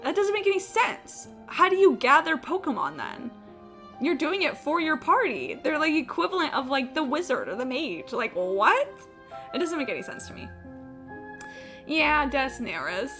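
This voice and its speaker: Over background video game music, a female streamer talks casually as she plays, her high voice swinging widely in pitch at a moderate pace. Her tone is sharp, and she comes across as opinionated and emphatic, cursing without hesitation.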